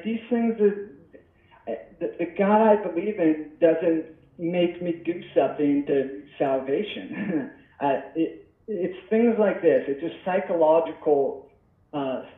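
A man in his thirties talks through his ideas in a loose, rambling way, often backing up to restart a thought. His voice sits a little high. It comes through a tinny phone line with a hollow, echoey ring. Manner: rambling and reflective, with frequent restarts. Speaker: podcast guest. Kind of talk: casual podcast talk.

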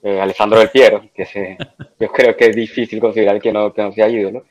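A man speaking as a podcast guest in casual chat, relaxed and repeating words as he starts. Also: fairly low pitch, brisk, muffled recording.

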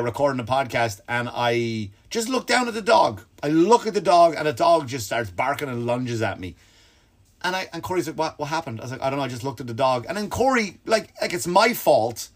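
Animated swearing comedy podcast host. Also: male voice, brisk. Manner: animated, swearing, pitch leaps when excited. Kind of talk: comedic storytelling rant.

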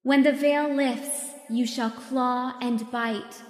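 A man voicing a haunted lamb figure in a lilting, sing-song falsetto. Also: steady tone, takes it slowly. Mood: haunting. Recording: echoey hall.

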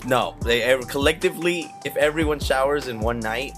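A man's voice: medium pitch, fairly quick, fairly bright tone, soft background music. A young man telling casual comic stories to friends in a slangy, profane frat-bro manner.

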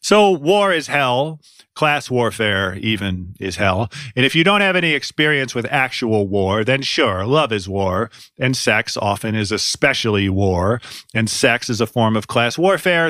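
A man's voice: on the low side, lively intonation, normal speed, bright, forceful tone, no echo. Dry-voiced man hosting a music podcast. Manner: dry, wry, sardonic asides. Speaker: podcast host. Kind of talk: scripted music commentary.

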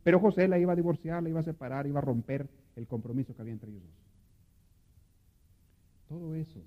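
A man preaching a sermon as a priest, dropping to hushed murmurs and then rising to loud, impassioned pleading. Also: fairly high pitch, fast talker. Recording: dull lo-fi audio with long hall reverb.

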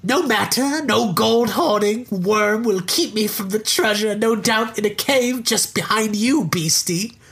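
A man's voice: high-pitched, unhurried, gravelly, hardly any pauses, a bit bright, pitched above the performer's own voice, heavily acted. Man putting on a greedy, theatrical little leprechaun. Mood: defiant, greedy. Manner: theatrical, leprechaun-like villainous delivery.

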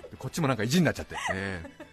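A man hosting a radio talk show and telling an anecdote in a casual, animated way, acting out the other people's lines and laughing often. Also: lowish voice, racing. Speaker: radio host.

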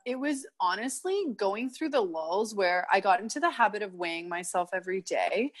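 A woman from Canada, a podcast guest, chatting casually and laughing often as she acts out what people said. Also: medium pitch. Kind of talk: casual interview chat.

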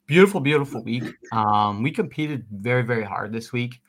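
A young man co-hosting a podcast, telling a story in an excited, rambling way with lots of fillers. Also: medium pitch, moderate pace. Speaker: podcast co-host. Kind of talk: casual storytelling.

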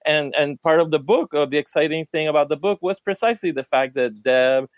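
Speaking fairly quickly in a higher-than-average voice with no room sound, a Puerto Rican professor chats casually about academic topics as a podcast guest. His sentences run long and reflective, with small self-corrections along the way.

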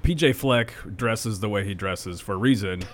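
Male sports co-host, lower voice, halting and filler-heavy delivery. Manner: halting, many fillers and restarts. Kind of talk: casual sports talk.

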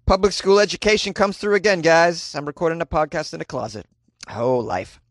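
A man's voice: a little high, a little fast, dry recording, clean studio sound. A man hosting a casual comedy podcast from a small closet, commenting on news in a sarcastic, self-deprecating way. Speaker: podcast host.

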